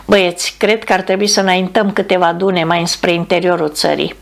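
A male bomber captain gives steady, commanding orders to his crew, voiced by a woman reading an audiobook. The voice is low with a gravelly fry. It is an audiobook reading. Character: man, a calm bomber captain giving orders.

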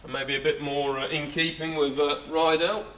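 The recording is rough, and the young man's voice sits a little high with little pitch movement, fairly bright, at normal speed. An English auctioneer, he chats hesitantly, using many fillers, during an informal walkaround preview in a large indoor saleroom, picked up by a camera mic.

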